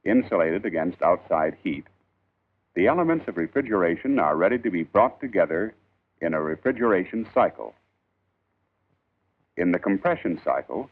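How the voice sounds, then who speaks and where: A man reading a scripted 1940s instructional film in a formal, measured, emphatic old newsreel narrator style. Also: low voice. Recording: tinny band-limited 1940s film soundtrack.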